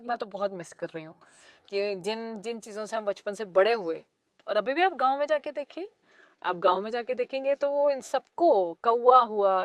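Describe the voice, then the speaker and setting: A woman from India, an animated lake restoration activist telling stories in an interview with playful asides. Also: a little high, no room sound, clean studio sound. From North India. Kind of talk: conversational interview storytelling.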